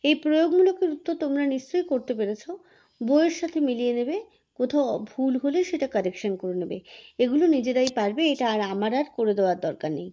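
A woman's voice: high voice, animated, brisk, mellow, lo-fi sound. A woman teacher, explaining a lesson in a patient way and often correcting herself. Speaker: school teacher. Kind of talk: recorded classroom lesson.

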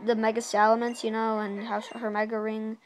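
A young woman giving casual, rambling commentary while playing a handheld game, excitable and full of asides, in a small dim room. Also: a little high, a little fast, a little hiss or hum. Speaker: gameplay narrator. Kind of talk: casual let's-play commentary. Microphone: handheld camera filming a game screen.

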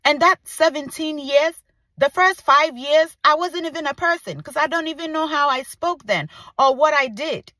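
A Ghanaian content creator in her forties, whose accent blends Ghanaian and American, speaks passionately to her followers in a direct-to-camera vlog. Her high voice is bright and forceful at a moderate pace, with no echo, and she repeats herself for emphasis.

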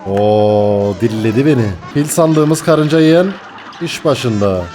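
A young man commentating his gameplay, excitable and jokey, swinging from mock panic to laughter. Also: medium pitch, slow pace, soft background music. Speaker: gaming YouTuber.

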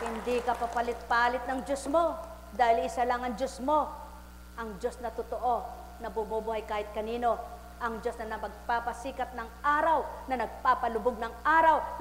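A woman preaching a sermon, firing repeated rhetorical questions at the congregation and rising into loud exclamations. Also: a little high. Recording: echoey hall with faint hum.

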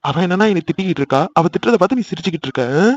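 A man's voice: high voice, animated, rapid-fire, highs cut off. A man voicing a young brother who bickers with his sisters in a cartoon, exasperated and chatty. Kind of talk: cartoon voice acting.

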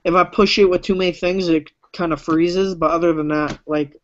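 A man's voice: sits high, steady tone, normal speed. Chatty young man on a video call. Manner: chatty, rambling with fillers. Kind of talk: casual chat. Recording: muffled video call audio.

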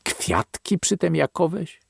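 A suspicious, grumbling old grandfather, as a male audiobook reader puts him on, his voice gravelly and husky. He speaks slowly, muttering his words, pitch swinging widely. The recording is dry and close. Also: sing-song, dry recording, exaggerated voice. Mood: musing. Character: old man, grandfather, superstitious and wary. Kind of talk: audiobook character reading.

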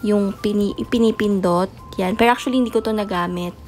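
A woman's voice: mid-range voice, a little fast. A young woman chatting through a voice-over and mixing in English words as she shows baby items. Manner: chatty, mixes in English words, soft late-night voice. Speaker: mom vlogger. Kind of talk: casual voice-over show-and-tell. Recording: voice-over with faint music behind.

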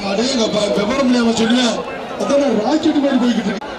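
A man announcing a live bull-taming event over a loudspeaker, with excited shouted calls and cheers. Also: very high-pitched, quick pace. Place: outdoor arena. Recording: echoey loudspeaker from far off, loud crowd.

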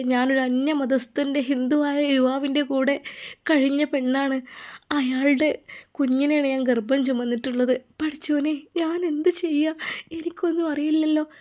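A woman's voice: high-pitched, a little mellow, pitched above the performer's own voice, close to an everyday voice. A woman voicing a fearful, guilt-ridden young woman who prays in pleading tears. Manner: pleading, trembling prayer.

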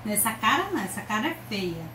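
A mother coos and coaxes her baby in sing-song baby talk at home, her mid-range voice quick, bright and forceful, with big pitch swings. Someone else holds the camera across the bedroom, far from her, so the recording is echoey with background noise.

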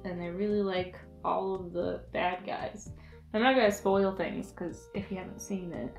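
A woman's voice: lowish voice, fairly even intonation, normal speed, gravelly, reverberant, faint music behind. A young woman hosting a casual video chat, talking in a chatty, giggly way with lots of "like" fillers, recorded by a camera mic a few feet away in a small room. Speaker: host. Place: small indoor room with a decorated table.

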